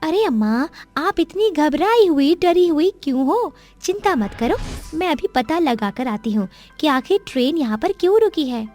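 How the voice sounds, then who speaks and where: A woman playing a bold young woman with a very high voice. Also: expressive, normal speed, a little mellow, soft background music. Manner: confident, questioning.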